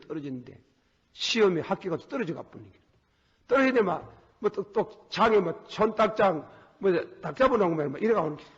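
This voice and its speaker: Husky older Gyeongsang preacher in a hall. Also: male voice, a little high. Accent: Gyeongsang Korean. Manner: animated, swings from soft murmurs to loud outbursts; blunt, laughs at his own stories. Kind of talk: folksy sermon storytelling. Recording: dull lo-fi sermon tape with long hall reverb.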